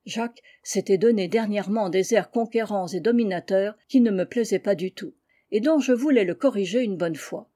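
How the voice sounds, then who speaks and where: Reading a classic story aloud for an audiobook, a woman narrates with a mellow, warm, mid-range voice. She tells the tale calmly and at a measured pace.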